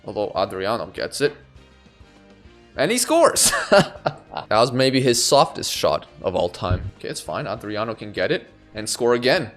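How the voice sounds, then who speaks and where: Animated young man yelling over football game. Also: on the low side, moderate pace, faint music behind. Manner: animated, yelling at players, swings from excited to muttering. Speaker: gaming YouTuber. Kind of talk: let's play commentary.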